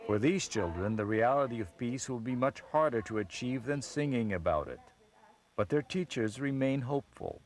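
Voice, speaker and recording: A man narrates a documentary in an even, measured voice-over. His pitch sits in a middle range, neither high nor low, and he keeps his delivery steady. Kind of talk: scripted narration.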